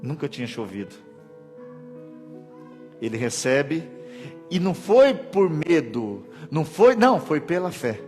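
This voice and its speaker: A male pastor preaches with passion, dropping to hushed tones and then rising to near shouts. His voice sits high for a man. It rings with a long church reverb over soft background music. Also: very animated, a little slow, pauses often. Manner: impassioned preaching, swinging between hushed and shouted. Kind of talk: sermon.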